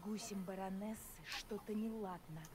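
A brisk, matter-of-fact female ally reports in over a sci-fi radio communicator. Heavy static hisses under every word of the transmission. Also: mid-range voice, fairly even intonation. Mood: urgent. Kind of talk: game dub dialogue.

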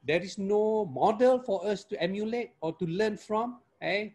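A man's voice: sits high, expressive, moderate pace, darkish tone. A man, speaking as a panelist in an academic discussion over a video call, hesitant with many fillers and tag questions. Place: home room with virtual background. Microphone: earphone mic on video call.

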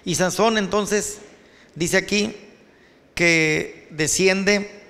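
A man with a Mexican Spanish accent, a pastor giving a sermon and talking directly to the students in the audience in an animated way. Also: high-pitched, extremely slow, big-room sound.

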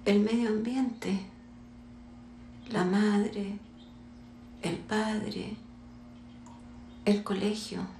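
An actress playing a calm, matter-of-fact female counselor giving terse explanations. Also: mid-range voice, extremely slow, long pauses, reverberant, slight background noise. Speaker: counselor advising a parent. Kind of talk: film drama.

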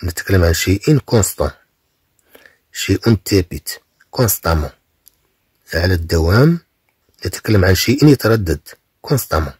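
A man from Morocco, teaching French, reading phrases very slowly and then explaining them quickly. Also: low voice, lively intonation, a little mellow, breathy edge, no room sound, clean studio sound.

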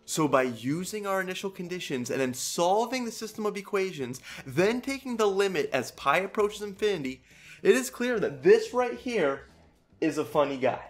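A man's voice: high-pitched, big pitch swings, normal speed, faint music behind. A man playing an earnest, nitpicking, talkative science nerd in a comedy sketch. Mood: pedantic. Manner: pedantic, earnest.

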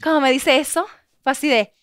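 A woman on a chat show telling a personal story with lots of energy, acting out what people said with loud bursts and laughter. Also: high-pitched, fairly quick, background noise. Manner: expressive storyteller, acts out quotes with loud outbursts and laughs. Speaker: guest host telling a story. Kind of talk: animated anecdote on a chat show.

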